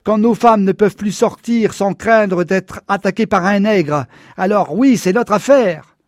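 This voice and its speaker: A man narrating an audiobook, voicing a menacing, middle-aged mob leader who speaks loudly and sneeringly. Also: high-pitched, animated, moderate pace, dry recording, studio quality, voice pushed up. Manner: loud, sneering and insistent.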